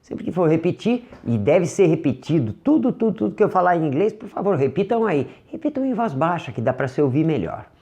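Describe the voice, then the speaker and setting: A man with a Brazilian Portuguese accent teaching English vocabulary in a recorded lesson, patiently drilling each word and slowing down to model how it sounds. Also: on the high side, very animated, dark tone. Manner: patient, drills words, slows down to model pronunciation.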